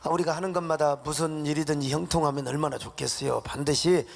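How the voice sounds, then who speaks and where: Male pastor, gravelly voice, a bit high, emphatic dramatic sermon, long church reverb. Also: steady tone, fast. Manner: emphatic, dramatic preaching with acted quotes. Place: church sanctuary.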